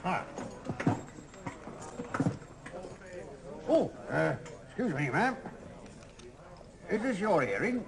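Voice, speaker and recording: An actor playing a cocky young gunslinger at cards in a TV sitcom, talking in mock-western style. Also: male voice, high-pitched, big pitch swings, measured pace, creaky, crowd noise, heavily acted. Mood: courteous. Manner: mock-western cowboy talk. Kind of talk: TV sitcom acting.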